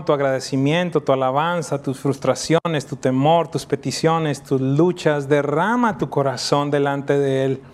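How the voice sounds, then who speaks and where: A man in his thirties preaches a sermon to his congregation in a church, his voice sitting a little high for a man. He grows animated and lifts his voice to drive home a point. He slows right down when he reads scripture aloud. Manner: animated preaching, voice rising for emphasis. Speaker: pastor.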